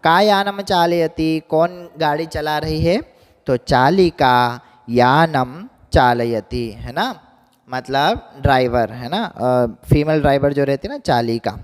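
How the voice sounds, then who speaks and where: A man teaching a school lesson, explaining slowly, repeating words and checking with his pupils. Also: a little high, big-room sound.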